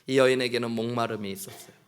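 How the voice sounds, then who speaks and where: A male pastor preaches a sermon in a church, speaking earnestly. His voice sits in an ordinary middle pitch. He acts out prayers and short exchanges as he goes. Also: steady tone, racing, clean tone. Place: church sanctuary.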